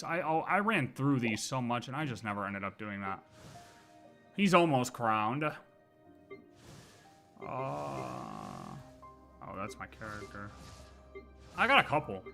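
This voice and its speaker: With game music behind him, a game streamer offers loose, rambling livestream commentary, often asking and answering his own questions. His mid-range voice is creaky and sharp in tone.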